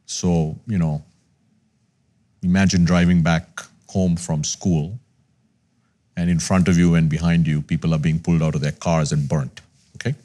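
A Sri Lankan man in his fifties, appearing as a podcast guest, recounts his life story in a candid, earnest and reflective conversation. His low voice is mellow and level, moving at a moderate pace with long pauses.

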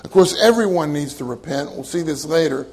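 A man's voice: fairly high pitch, lively intonation, a little fast, darkish tone, breathy edge, low-quality recording. A man preaching a sermon to a congregation, earnest and emphatic, often repeating key phrases for weight. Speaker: minister.

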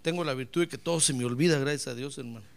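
A man's voice: mid-range voice, very fast, gravelly. A man preaching a sermon as pastor, emphatic, calling on the congregation to answer back and slipping in joking asides.

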